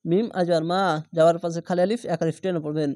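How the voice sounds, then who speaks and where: Male Quran tutor, dry close sound, letter-by-letter spelling, slow drawn-out recitation. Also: on the high side, fairly even intonation, dark tone, no echo. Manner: spells letters then draws out the whole word slowly. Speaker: Quran reading teacher.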